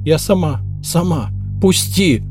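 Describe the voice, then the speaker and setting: A frightened young maid begs in a high, breaking voice and rushes her words, as a male reader puts her on. The pitch sits well above a man's range, and faint music plays behind the storybook reading. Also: animated, close to an everyday voice. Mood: terrified. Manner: pleading, rushed, tearful.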